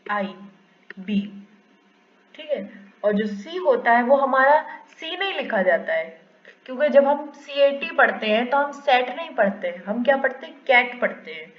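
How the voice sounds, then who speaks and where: Echoey dull recording of a woman teaching. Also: fairly high pitch. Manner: asks and answers her own questions; repeats key phrases for emphasis. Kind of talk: explanatory pronunciation lesson.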